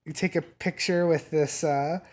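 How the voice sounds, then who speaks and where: A game master narrating a tabletop game in a casual, halting way, full of fillers. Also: medium pitch, fairly even intonation, a little mellow.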